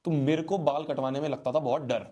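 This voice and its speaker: A young male teacher tells a childhood story to his students. His voice sits a little high, and he keeps it lively and playful, often turning to the audience for a reaction. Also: brisk.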